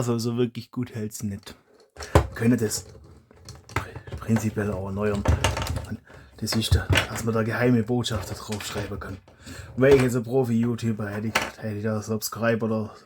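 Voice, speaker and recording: A man's voice: on the low side, a little mellow, slight background noise. A man, a hobby YouTuber chatting casually as he reviews toy blasters, rambling and correcting himself aloud.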